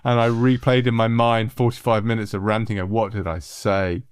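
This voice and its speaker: A middle-aged man from England, a music producer, telling anecdotes in a relaxed, animated way with frequent laughs. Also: on the low side, moderate pace, clean tone, no room sound, studio quality. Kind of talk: relaxed storytelling.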